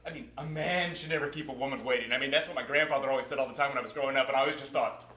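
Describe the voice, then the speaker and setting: A stage actor playing a flustered, giggly young adult with attention deficit disorder, talking in tumbling run-on sentences. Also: female voice, a bass voice, very fast, a bit bright, distant mic. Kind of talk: live stage comedy acting. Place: theater stage. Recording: roomy stage sound.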